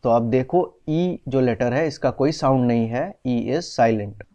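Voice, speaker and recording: A male teacher giving a classroom lesson in a slow, patient way, mixing Hindi and English and spelling words out letter by letter. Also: mid-range voice, dark tone. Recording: dull, slightly lo-fi recording.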